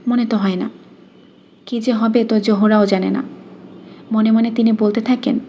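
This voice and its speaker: A woman with a fairly high, mellow voice reads a dramatic audiobook. She speaks every character's lines in much the same voice. The recording is dull and lo-fi, with a faint hiss behind her. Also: fairly even intonation, normal speed. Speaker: audiobook narrator.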